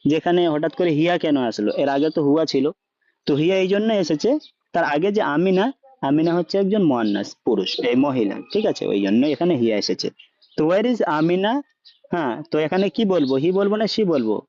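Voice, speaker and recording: A man's voice: a little high, expressive, fast, mellow. A man teaching a language class, asking students questions and often checking that they follow, mixing English words into his speech. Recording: dull lo-fi sound.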